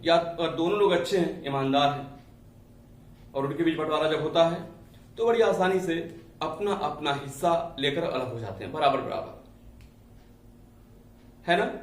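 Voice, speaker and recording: A man's voice: a little high, heavy reverb, distant mic. A man teaching chemistry in a lecture style, explaining with everyday analogies and often checking in with his students. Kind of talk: classroom lecture.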